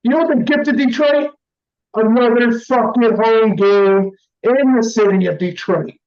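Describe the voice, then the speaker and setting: A man co-hosts a casual sports podcast, brash and excitable and swearing freely. His voice is very high and he talks a little slowly, heard over muffled remote audio with some echo.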